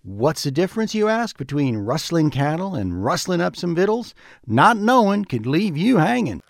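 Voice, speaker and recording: A man doing a mock commercial pitch in an exaggerated folksy cowboy manner. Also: sing-song, moderate pace, vocal fry, no echo. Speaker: comedy ad pitchman. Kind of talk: mock commercial, over-the-top cowboy drawl.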